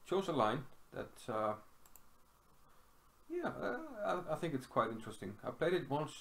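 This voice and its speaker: A man's voice: mid-range voice, expressive, unhurried, fairly bright tone. A middle-aged man from Iceland casually talking through a chess game at home, thinking aloud with lots of fillers. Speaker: chess commentator. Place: small room at home.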